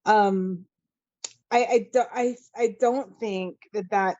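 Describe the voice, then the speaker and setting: A woman's voice: mid-range voice, steady tone, mellow, dry recording. A woman, a podcast guest speaking earnestly and with feeling, often restarting her sentences. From Hawaii. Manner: earnest and impassioned, with halting restarts. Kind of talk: casual podcast interview. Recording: dull, dry lo-fi sound.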